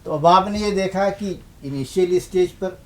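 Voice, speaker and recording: Patient man teaching Urdu letters. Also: sits high. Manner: patient, asks questions then answers them himself; repeats key points for emphasis. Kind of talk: televised language lesson.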